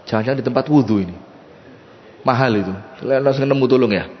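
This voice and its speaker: East Javanese preacher in an echoey mosque. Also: male voice, medium pitch, brisk. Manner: lively, jokey, plays with the audience. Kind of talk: sermon with storytelling. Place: mosque hall. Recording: echoey mosque hall, dull sound.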